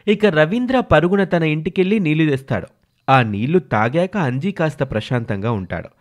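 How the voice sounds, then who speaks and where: A man narrating a moral story for a cartoon in a steady, plain storytelling manner. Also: a little high, moderate pace.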